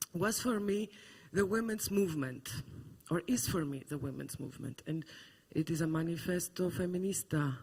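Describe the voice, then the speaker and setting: Husky man moderating a panel. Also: high-pitched. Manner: thoughtful, rambling with fillers. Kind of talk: public panel discussion.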